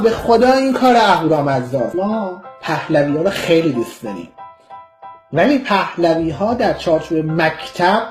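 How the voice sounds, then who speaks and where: A man from Iran giving an impassioned political monologue, vehement and scornful, lecturing his listeners. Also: sits high. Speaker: political commentator.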